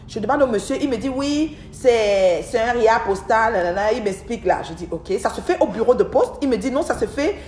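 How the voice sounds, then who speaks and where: Soft background music plays as a middle-aged woman livestreams by her aquarium at home, telling a long, rambling story and often repeating words to her viewers. Her fairly high, slightly mellow voice is expressive and a little fast, with hardly any pauses. The device mic captures an echoey room.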